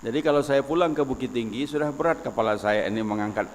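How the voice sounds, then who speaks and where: A man's voice: medium pitch, quick pace, big-room sound, slight background noise. A man, giving a religious lecture in an explanatory, folksy way with personal stories. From West Sumatra, Indonesia. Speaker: Islamic preacher.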